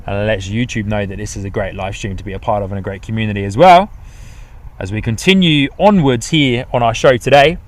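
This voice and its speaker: A UK man whose accent blends English and New Zealand hosts a chatty live plane-spotting stream outdoors beside an airport. His lowish voice is brisk with no echo, and he talks to viewers in an upbeat way.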